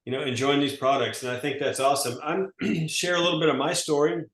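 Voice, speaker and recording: In a roomy-sounding space, a man in his 40s presents a network marketing testimonial in a loose, folksy style, wandering and frequently correcting himself. He speaks briskly in a fairly high, fairly bright voice with fairly even intonation.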